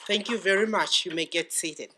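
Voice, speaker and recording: A middle-aged man with a Ugandan accent giving a formal, ceremonial podium speech with deliberate phrasing. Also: high voice, noisy background. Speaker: graduating PhD student giving vote of thanks.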